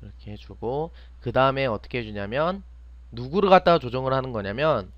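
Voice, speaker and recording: With a medium-pitched, animated voice and a slightly quick pace, a male programming teacher improvises a step-by-step screen demo, answering his own questions along the way. The recording is dry and muffled.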